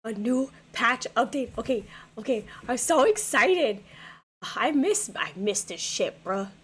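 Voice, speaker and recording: A young streamer chats casually with viewers from a desk mic in her home gaming room, her hoarse, worn voice on the high side and fairly bright. She talks a little slowly with lively intonation, rambling along with repeated words and plenty of fillers as her thoughts spill out.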